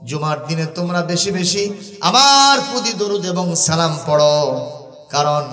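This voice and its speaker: Preacher, man, sung and shouted sermon, fairly high voice, distant echoey PA. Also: lively intonation, moderate pace, faint music behind. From Bangladesh. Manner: swings between shouting and singing verses, prods crowd for responses. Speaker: Islamic preacher. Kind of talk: Bengali waz sermon, chanted and shouted. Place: outdoor religious gathering. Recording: echoey loudspeaker, far from mic.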